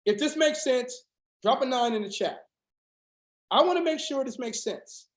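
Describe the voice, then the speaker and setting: A man with a high, hoarse voice drives a motivational business training like a sermon, his lines rising into shouts and then dropping low. The sound carries a roomy echo. His delivery is fiery and insistent. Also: lively intonation, normal speed. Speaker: business coach. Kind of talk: motivational sales training on a video call.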